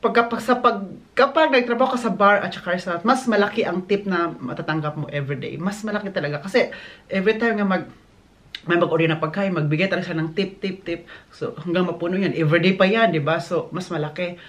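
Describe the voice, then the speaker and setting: A man's voice: high voice, fast, fairly bright tone. Chatty Filipino man vlogging at work. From Philippines. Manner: chatty, mixes English into Tagalog, acts out quotes. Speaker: hotel worker vlogger. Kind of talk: casual vlog chat. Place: hotel, indoors. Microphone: phone.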